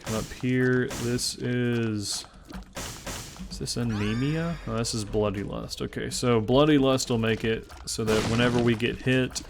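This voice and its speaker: Through background noise, a Memphis gaming host in his twenties talks in an unhurried, medium-pitched voice with vocal fry and fairly even intonation. He comments on his play with a Southern accent, self-deprecating and casual, rambling between thoughts.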